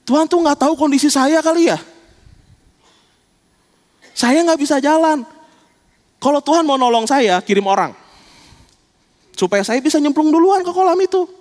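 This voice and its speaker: A man's voice: high voice, big pitch swings, moderate pace, pauses often, a little mellow, long reverb tail. A man voicing a stubborn, disbelieving paralyzed man who complains. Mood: exasperated. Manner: complaining, incredulous.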